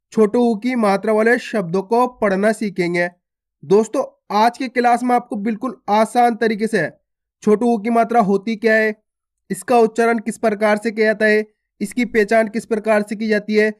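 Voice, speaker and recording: A man teaching a beginner reading lesson in a video, repeating each point and asking the viewer questions, drawing out single syllables. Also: very high-pitched. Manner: repetitive, asks the viewer questions, drawn-out syllables. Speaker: Hindi teacher.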